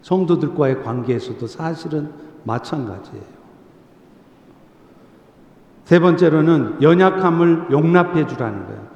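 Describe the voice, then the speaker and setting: A male Korean pastor preaching a sermon earnestly, sometimes acting out a gentle parent's words. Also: on the high side, expressive, moderate pace, vocal fry, pauses often, muffled recording. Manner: earnest, coaxing, acts out gentle parent lines. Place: church sanctuary. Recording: echoey church hall.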